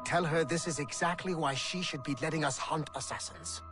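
Actor as menacing commander with music behind. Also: male voice, on the high side, brisk, natural voice. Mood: commanding. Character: cold, menacing male commander of an assassin-hunting team. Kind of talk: video game voice acting.

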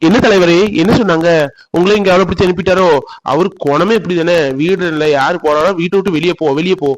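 A man's voice: high voice, steady tone, fast talker, natural voice, poor audio. A man voicing a worried, argumentative young village man in a cartoon, insistent. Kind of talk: cartoon voice acting.

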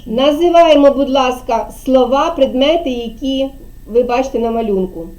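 A preschool teacher with a high, warm voice leads a kindergarten class. She speaks slowly and patiently, stretching out words so the little ones can follow. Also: lo-fi sound. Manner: slow, patient, drawn-out words for children. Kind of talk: teaching young children.

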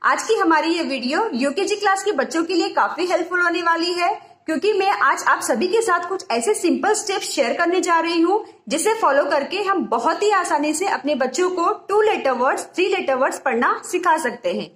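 A woman with an Indian English accent hosting a phonics lesson for parents, sounding out each letter slowly and clearly. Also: very high-pitched, lively intonation, a bit bright, echoey room. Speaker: teacher and channel host.

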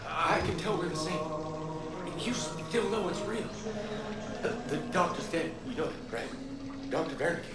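An actor playing a deranged, knowing male asylum patient in a horror video game, halting and cryptic. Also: on the high side, lively intonation. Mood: eerie, knowing. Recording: echoey, distant game audio under music.

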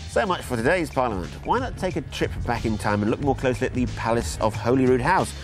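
Wry middle-aged male TV presenter. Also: medium pitch. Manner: wry, jokey asides. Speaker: documentary presenter. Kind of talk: presenting a TV documentary. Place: outdoors by a brick building, sitting with a laptop.

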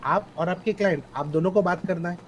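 A man's voice: sits high, brisk, a little hiss or hum, poor audio. Politely insistent man testifying in role-play. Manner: polite, insistent, mixes English phrases into Hindi. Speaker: police officer in a role-play court hearing.

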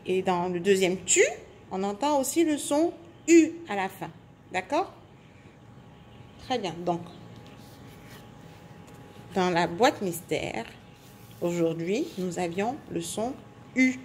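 A woman teacher giving a phonics lesson to young children, speaking slowly and clearly articulating, stretching out sounds and syllables. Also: medium pitch, animated, darkish tone, a little hiss or hum. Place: indoors at a table.

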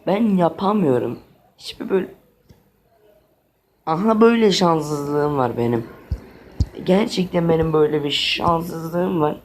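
Man, gaming commentary, slow delivery, exasperated, faint background noise. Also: a little high, animated. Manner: exasperated, talks to the game and to viewers. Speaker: gaming channel host. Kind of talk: let's play commentary.

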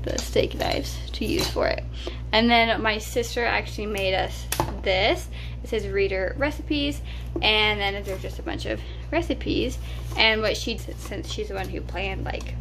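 Filming on a handheld phone, a woman in her 20s walks viewers around her small apartment in a loose, chatty vlog packed with fillers. She speaks in a mid-range voice with vocal fry and a slightly bright edge, over faint background noise.

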